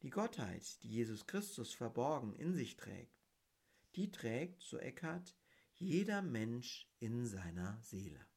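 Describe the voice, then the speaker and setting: A man giving a reflective spiritual talk on mysticism, speaking in a measured, deliberate way and reading quotations aloud. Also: medium pitch, very animated, gravelly, a little mellow, slightly rough. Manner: measured and deliberate, stressing key words.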